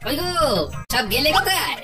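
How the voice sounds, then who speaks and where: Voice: high-pitched, animated, normal speed, creaky. An actor voicing a shrewd, teasing middle-aged village father-in-law in a cartoon, firm and bargaining. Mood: wry. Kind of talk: cartoon voice acting. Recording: music under the voice.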